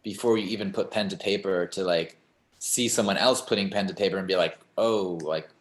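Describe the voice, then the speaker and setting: A man's voice: sits low, fairly even intonation, quick pace. A young man talking casually as an interview guest, rambling, with many "like" and "you know" fillers. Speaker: singer-songwriter guest. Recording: roomy echo.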